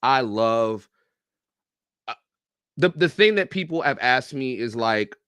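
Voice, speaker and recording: A man's voice: mid-range voice, takes it slowly, smooth, no echo, studio quality. A middle-aged man telling stories on a podcast in a casual, joking, profane way. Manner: animated, profane, joking storyteller. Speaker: guest, YouTube reactor and coach.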